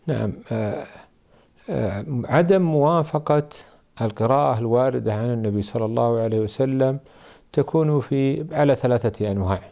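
Male religious scholar, gravelly and dark in tone, measured explanatory delivery. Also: mid-range voice. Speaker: Islamic scholar. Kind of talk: religious Q&A answers.

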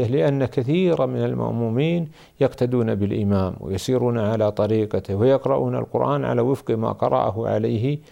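Gravelly, dark-voiced male scholar. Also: medium pitch, lo-fi sound. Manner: measured, explanatory. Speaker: Islamic scholar. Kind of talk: religious Q&A answers.

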